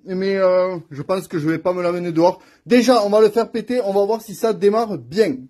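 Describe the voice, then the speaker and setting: Chatty husky-voiced man in his workshop. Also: sits high, a little fast, dark tone. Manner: chatty, talks straight to the viewer, thinks aloud with fillers. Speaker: scooter mechanic vlogger. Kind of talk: casual how-to vlog. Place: home workshop. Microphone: phone filming himself.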